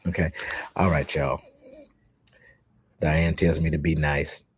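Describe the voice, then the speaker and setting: A man's voice: extremely low pitch, flat delivery, takes it slowly, breathy edge, no room sound. A man talking to his followers in a casual, emphatic monologue, with plenty of fillers. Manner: emphatic, indignant, with frequent fillers. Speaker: social media host.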